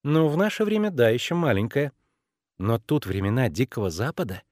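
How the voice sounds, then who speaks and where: A bossy, precocious eight-year-old girl pushes her questions, her voice swinging lively up and down, as a man puts her on. It is an audiobook read dry and close to the mic, with a teasing, insistent edge. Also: medium pitch, no room sound, natural voice. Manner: insistent, quick, conspiratorial questioning.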